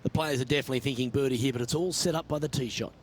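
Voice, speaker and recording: A man's voice: medium pitch, racing, a little hiss or hum. A man giving golf commentary as the lead announcer of a tournament.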